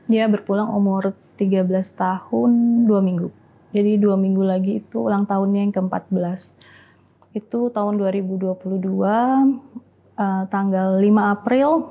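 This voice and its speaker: A woman speaking in Indonesian tells the story of losing her son, in a measured, steady way. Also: medium pitch, low-quality recording. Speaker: guest. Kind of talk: personal testimony.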